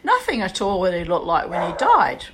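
A woman voicing her elderly Polish mother-in-law, soft and affectionate, calling others darling. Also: on the low side, huge pitch swings, moderate pace, background noise. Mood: fond. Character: elderly Polish widow, tender and matter-of-fact.

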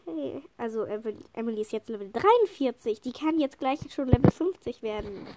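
Excitable young-sounding woman gaming with a cold. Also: a little high, a little fast, very noisy. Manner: chatty, excitable, giggly. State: has a slight cold. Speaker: gamer playing with friends. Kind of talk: casual gameplay chat.

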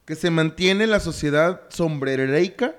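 Un hombre con acento mexicano que copresenta un programa de charla en tono de broma, con humor vulgar y risas frecuentes. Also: male voice, a little high, animated, measured pace. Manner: crude, joking, laughs often. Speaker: podcast co-host. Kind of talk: casual comedic banter.

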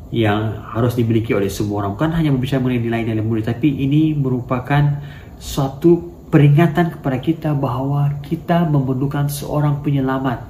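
A man with a mellow, mid-range voice preaches a sermon to his congregation in a church hall. He fires off emphatic rhetorical questions and drops into English phrases now and then. The room is echoey, with faint noise in the background.

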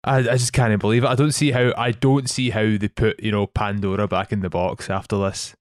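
A young Scottish man co-hosting a film podcast, deadpan and dry, repeating words as he warms up to a point. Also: fairly low pitch, fairly quick, no room sound. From Scotland. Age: young adult. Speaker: podcast co-host. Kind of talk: casual film podcast chat.

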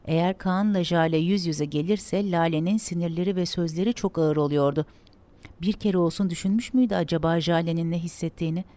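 Give me a woman reading a dramatic story aloud, steady and measured, in a low voice.

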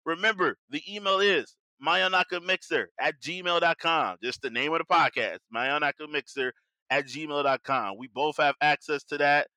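A man's voice: on the high side, moderate pace, pushed and bright, no echo. A man hosting a podcast, chatting casually about anime in an informal, slangy, upbeat way. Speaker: podcast host.

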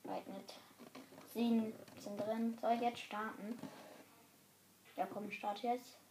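A woman commenting live on her online game in German, excitable and swearing, often dropping to a whisper. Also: on the high side, slow pace, slight background noise. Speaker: gamer.

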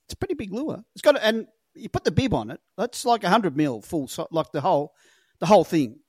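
A man's voice: high voice, very animated, fairly quick, darkish tone, slightly rough, no room sound, clean studio sound. An Australian man with a laconic, colloquial way of telling rambling stories in a casual podcast chat, swearing freely. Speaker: podcast guest, lure fisherman.

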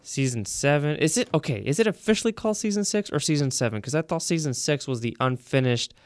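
A man co-hosting a podcast in casual chat, easygoing but quick to rant. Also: a little high, lively intonation, dry recording, studio quality. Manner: easygoing, gets worked up when ranting. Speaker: podcast co-host.

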